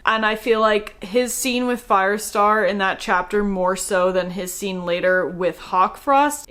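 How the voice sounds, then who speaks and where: A woman's voice: mid-range voice, a bit bright. A young woman talking casually and enthusiastically as she reviews books, sometimes laughing at herself. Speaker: book review vlogger. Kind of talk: casual spoken book review.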